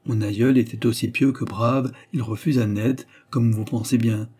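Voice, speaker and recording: A man's voice: medium pitch, fairly even intonation, normal speed, warm tone, slightly rough, natural voice. A man doing an earnest, awkward giant of a suitor. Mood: storytelling. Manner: earnest, pleading. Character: big, earnest, awkward young nobleman.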